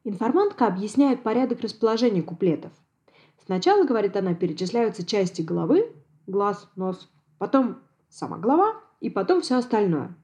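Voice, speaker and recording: Measured woman giving a scripted lecture. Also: mid-range voice, big pitch swings, mellow. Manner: measured, precise academic delivery. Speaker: Yiddish language expert.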